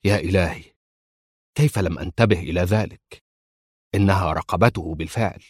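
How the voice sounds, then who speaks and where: Cold, clipped male officer, as a narrator plays him, low and commanding, audiobook. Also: brisk, slightly rough, dry recording, studio quality. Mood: triumphant.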